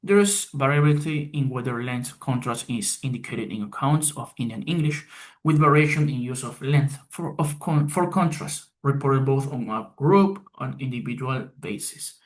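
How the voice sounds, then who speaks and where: A man presenting a class talk, reading his slides aloud haltingly, with pauses and restarts. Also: mid-range voice. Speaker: student presenter.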